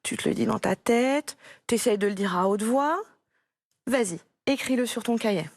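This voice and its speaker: A French woman teaching a primary school spelling lesson, speaking slowly and clearly, patient and encouraging as she repeats each word for a young pupil. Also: on the high side. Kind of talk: slow, clear classroom instruction to a child.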